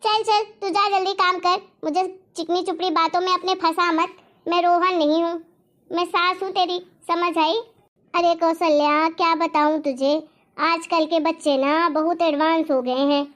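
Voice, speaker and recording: A woman voicing a domineering, quick-tempered middle-aged mother-in-law in a cartoon story, taunting and scolding. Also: little pitch movement, a bit bright. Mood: dismissive. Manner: taunting, bossy, shrill scolding.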